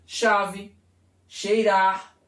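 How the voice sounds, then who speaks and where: A man's voice: high voice, flat delivery, extremely slow, fairly bright tone. A man teaching a video lesson, explaining step by step and asking and answering his own questions. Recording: echoey room, voice from far off.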